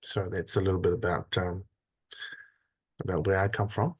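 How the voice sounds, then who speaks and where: A man in his thirties, from Samoa, is a guest in a conversational interview, telling his story in a measured way with frequent pauses. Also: sits low, level tone, husky.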